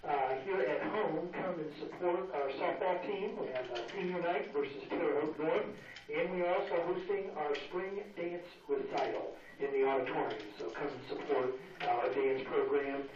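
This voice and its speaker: A man reading end-of-day announcements over a school intercom, halting with frequent fillers. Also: on the high side, muffled recording. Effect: school intercom loudspeaker. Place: classroom, heard through a wall speaker. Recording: distant echoey loudspeaker over a noisy classroom.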